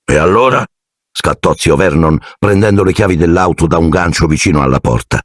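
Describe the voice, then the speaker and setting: A man reading an audiobook in a theatrical, expressive scripted narration. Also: sits low, brisk, dry recording, studio quality.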